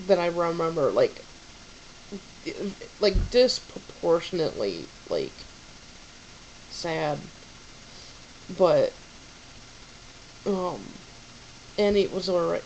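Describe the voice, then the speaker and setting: A woman's voice: fairly low pitch, very animated, slow pace, creaky, pauses often, a little mellow, a little hiss or hum, poor audio. A young woman vlogging about baby names in a rambling, casual way, full of fillers and restarts.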